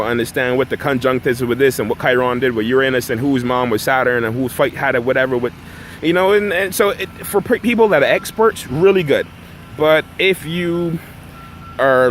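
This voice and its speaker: A middle-aged man from Barbados who works as a numerology coach talks casually to camera in a park next to road works, his mid-range voice often punctuated by "right?". It's a conversational vlog monologue, with a little hiss or hum on the recording.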